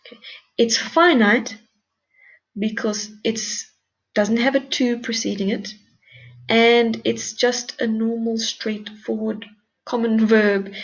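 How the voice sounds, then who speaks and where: Woman teacher, patient and encouraging, gravelly voice, dull lo-fi recording. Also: on the high side. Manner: patient, encouraging, explains step by step. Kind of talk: recorded grammar lesson.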